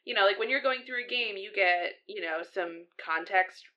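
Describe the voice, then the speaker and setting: A woman's voice: medium pitch, moderate pace. A woman in a casual gaming chat, talking loosely with many fillers. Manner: chatty, filler-heavy. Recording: dull lo-fi sound.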